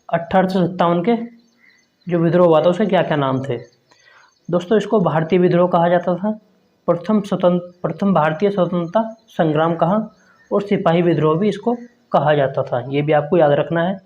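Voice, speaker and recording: Reading quiz questions and answer options aloud, a man teaches an exam prep lesson and often calls his viewers friends. His voice is high, brisk, and a little mellow, captured in dull lo-fi sound.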